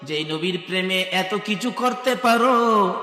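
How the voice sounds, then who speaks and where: A man's voice: sits high, expressive, measured pace, bright, forceful tone. A man from preaching a sung waz sermon at a religious gathering, chanting in a melodic, wailing way. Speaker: Islamic preacher. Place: large religious gathering over loudspeakers. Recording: echoey hall sound with faint music.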